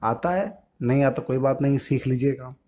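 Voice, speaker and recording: A man's voice: mid-range voice, moderate pace, warm tone. Patient man teaching little kids. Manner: patient, asks questions and answers them himself. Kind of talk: explaining English vocabulary to young children.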